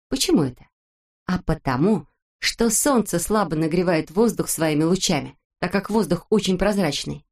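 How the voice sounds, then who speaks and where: A woman reading a children's book aloud as narrator, in a clear, expressive manner. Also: fairly low pitch.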